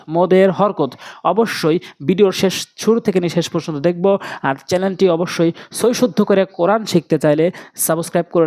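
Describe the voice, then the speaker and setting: A man with a Bangladeshi Bengali accent teaching Quran recitation step by step, slowly repeating and drawing out syllables in drills. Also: fairly high pitch, darkish tone.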